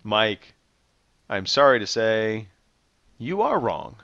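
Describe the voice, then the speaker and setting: A man's voice: lowish voice, sing-song, slow, creaky, a bit bright, no echo, lo-fi sound. A man hosting a casual gaming podcast, running a quiz in a playful, teasing way.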